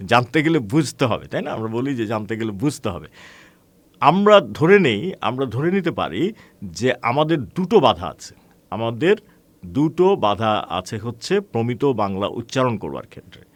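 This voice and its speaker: A man teaching an online class, explaining in a measured way with frequent hesitations, asking rhetorical questions and calling his students friends. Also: mid-range voice, big pitch swings, no echo. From Bangladesh.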